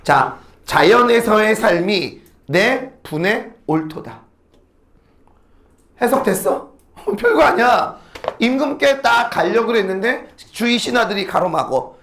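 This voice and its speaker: A man teaching classical poetry to a class, asking quick questions and answering them himself, with blunt slangy asides. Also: high voice, lively intonation, fairly bright tone. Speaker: Korean literature teacher. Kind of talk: lecture to students.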